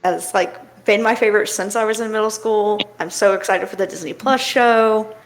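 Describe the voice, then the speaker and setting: A young woman talks casually on a podcast and spins a quick personal story, laughing easily as she goes. Her mid-pitched voice has a noticeable gravelly fry running through it. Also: a little hiss or hum, rough recording. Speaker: podcast host. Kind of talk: casual chat.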